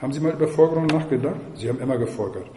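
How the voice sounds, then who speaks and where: A man's voice: medium pitch, racing, warm tone. A man giving a university mathematics lecture, digressive and firing rhetorical questions at the audience. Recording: echoey lecture hall, faint noise.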